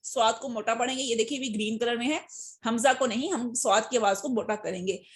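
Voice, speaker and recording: Woman teacher drilling slow syllables. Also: on the high side. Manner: slow drawn-out syllable drills between quick explanations. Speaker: Quran reading teacher. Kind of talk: recorded tajweed lesson.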